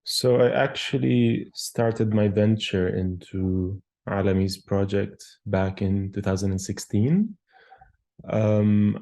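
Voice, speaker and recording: A Palestinian architectural historian in his thirties answers interview questions thoughtfully and with measure, pausing often and using fillers. His voice is lowish and gravelly, with a dark tone.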